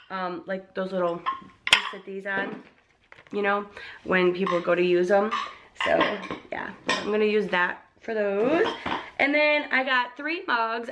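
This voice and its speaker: Mid-range and a touch bright, this is the voice of a young vlogger on the mend from laryngitis, still slightly crackly. She gushes casually about her shopping haul, with frequent likes and ums.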